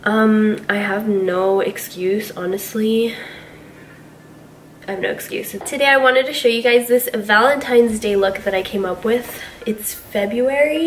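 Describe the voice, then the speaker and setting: In a small bedroom, a congested young woman talks her way casually through a makeup tutorial, peppering it with ums and likes. She's a young adult beauty vlogger whose voice sits on the high side, picked up by a distant mic with a little hiss or hum.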